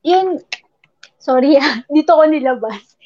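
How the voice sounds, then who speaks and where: High-voiced woman venting. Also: lively intonation, a little slow, darkish tone, no echo, dull audio. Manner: venting, mixes English into Filipino. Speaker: radio host. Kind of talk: casual chat.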